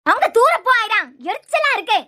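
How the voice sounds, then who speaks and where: A woman's voice: very high-pitched, animated, brisk, noisy background. A woman voicing a jealous, scheming young woman in a cartoon series, muttering spitefully in a Kanyakumari Tamil accent. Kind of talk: cartoon web series voice acting.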